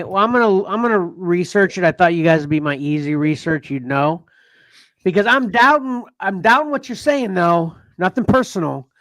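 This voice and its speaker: A chatty man hosting a casual podcast, his voice sitting a bit high. He rambles and restarts himself as he goes. The sound is dry and close, with no room echo. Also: a bit bright. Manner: rambling, restarts, laughs often. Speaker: podcast host. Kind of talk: casual chat.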